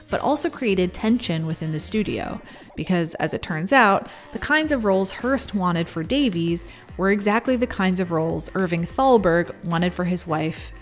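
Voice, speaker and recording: Wry low-voiced woman narrating. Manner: conversational with wry asides. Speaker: video essay host. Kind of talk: scripted narration.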